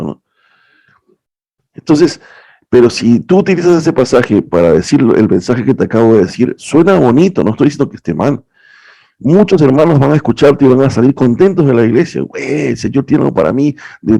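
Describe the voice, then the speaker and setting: A young adult man lectures on interpreting the Bible, earnest and explanatory, often checking in with rhetorical questions. His voice is medium-pitched and dark-toned, with vocal fry.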